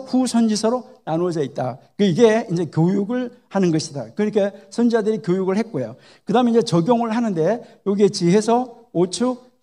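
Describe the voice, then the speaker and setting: A man's voice: sits high, mellow. A man giving a Bible lecture at a church conference, often posing questions to his listeners and acting out short dialogues. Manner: poses rhetorical questions to the audience; acts out short dialogues in the talk. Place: church hall.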